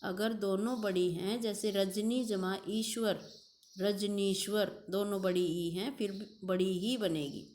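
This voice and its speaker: A woman's voice: mid-range voice, a little mellow. A woman teacher giving a recorded grammar lesson, drawing out examples and repeating key terms.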